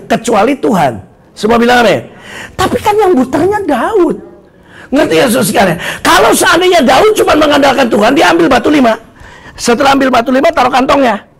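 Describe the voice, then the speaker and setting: A man's voice: extremely high pitch, vocal fry. Pastor guy joking around mid sermon, voice jumps all over, keeps asking the crowd stuff. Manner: joking, teasing, slangy asides to the congregation; asks the congregation questions and calls for amens. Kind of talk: lively humorous sermon.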